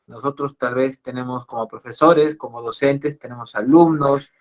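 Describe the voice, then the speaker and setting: Man, Peruvian Spanish accent, psychologist lecturing over a video call, mid-pitched, repeats himself a lot. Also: fairly even intonation, moderate pace. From Peru. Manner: repetitive, restarts phrases often, addresses audience directly. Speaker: psychologist giving a webinar talk. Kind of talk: online lecture.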